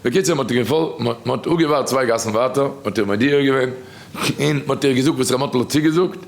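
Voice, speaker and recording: A man with a Yiddish accent giving a sermon, telling stories quickly and quoting people. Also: mid-range voice, vocal fry. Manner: rapid storytelling, quoting others. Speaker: rabbi giving a talk.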